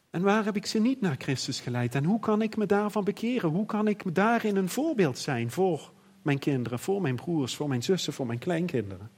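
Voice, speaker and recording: Male preacher, middle-aged, slightly high, husky voice, earnest and reflective delivery. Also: a little mellow. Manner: earnest, reflective, with many fillers and restarts. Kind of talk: sermon.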